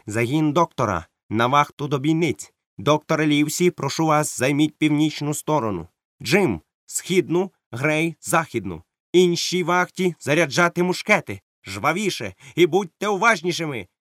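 A man's voice: fairly high pitch, lively intonation, normal speed, few pauses, fairly bright tone, dry recording, studio quality, pitched above the performer's own voice. Man doing a stern barking ship captain. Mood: commanding. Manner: curt, barking orders.

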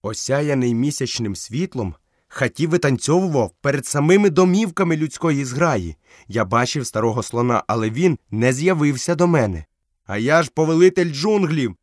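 A man's voice: medium pitch, expressive, moderate pace, no echo, studio quality, voice pushed up, close to an everyday voice. A man voicing a moody, proud young jungle boy in an audiobook, speaking in a petulant, insistent way. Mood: sulky. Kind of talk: audiobook character voice.

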